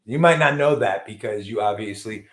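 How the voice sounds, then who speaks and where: A man's voice: on the low side, moderate pace, reverberant. A man hosting a casual chat, joking crudely and swearing a lot. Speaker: podcast host.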